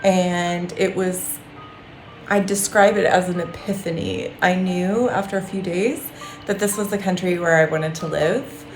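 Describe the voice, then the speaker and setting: A woman with a lowish voice speaks earnestly about her reasons for moving abroad, often pausing on an um. The room rings with echo. Soft music plays behind her. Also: fairly even intonation. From United States. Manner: earnest, frequent ums. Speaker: interviewee. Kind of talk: casual personal account. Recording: echoey room.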